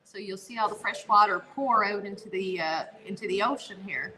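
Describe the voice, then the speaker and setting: A woman's voice: mid-range voice, brisk, bright, forceful tone, poor audio. A woman from Newfoundland with a Newfoundland accent, chatting casually and enthusiastically as a guest co-host. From Newfoundland, Canada. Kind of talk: casual chat.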